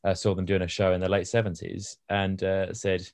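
A man's voice: deep voice, little pitch movement, a little fast, a little mellow. A man, co-hosting a casual podcast, telling stories in a rambling, hesitant way with many fillers. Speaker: podcast co-host. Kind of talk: casual chat.

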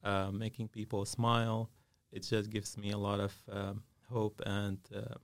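Low, gravelly man. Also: flat delivery, a little slow, dry recording. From Syria. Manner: hesitant, many fillers. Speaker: dentist, guest. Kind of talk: casual interview. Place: podcast studio.

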